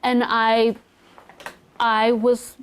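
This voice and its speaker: A woman's voice: fairly high pitch, completely flat delivery, drawn-out words, clear, resonant tone. A woman playing an earnest lizard-people witness. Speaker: eyewitness interviewee. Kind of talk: deadpan mockumentary interview.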